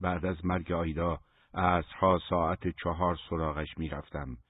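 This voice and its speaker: A man reading a novel aloud as an audiobook narrator, with a measured, even storytelling delivery. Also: deep voice, breathy edge, no echo. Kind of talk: scripted narration. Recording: thin phone-like dry recording.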